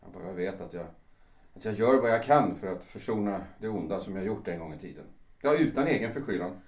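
In a radio drama, an actor plays an ashamed, hesitant 58-year-old lawyer who is also a defensive brother, speaking haltingly with formal, old-fashioned phrasing. His voice is low, expressive, and slightly mellow, sounding remorseful and pleading in a roomy, echoing interior.

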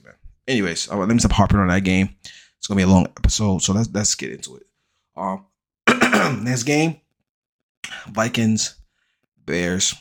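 A man with a very low, deep voice hosts a fantasy football show in loose, profane chat. He reels off numbers quickly and bluntly dismisses players as bums. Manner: blunt, profane, rattles off stats, mocking hype. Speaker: fantasy football podcast host. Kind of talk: casual profane sports chat.

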